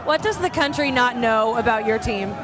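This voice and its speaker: A woman's voice: a little high, lively intonation, moderate pace. A woman working as a sideline reporter, conducting a live post-game interview on an outdoor football field. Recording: loud stadium crowd behind, outdoors.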